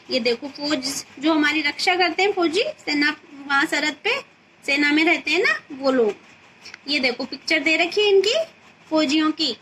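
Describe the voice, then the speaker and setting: A woman teaching young children a Hindi lesson, patiently asking questions and answering them herself, and repeating words slowly so they can be pronounced. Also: high-pitched, fairly bright tone, slight background noise.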